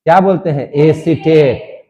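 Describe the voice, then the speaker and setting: A man's voice: a little high, measured pace, dark tone. A male chemistry teacher lecturing a classroom, repeating each question and drilling the answer emphatically.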